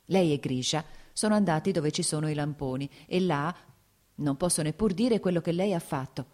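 A woman voicing an exasperated aristocratic mother, reading her lines a little higher and more agitated than the narration. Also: normal speed, darkish tone, natural voice. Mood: worried confiding.

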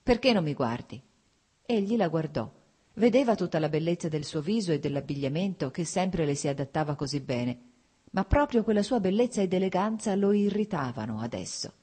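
A woman reads a literary audiobook in a measured, expressive way. Her voice is low for a woman and softly husky. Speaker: audiobook narrator.

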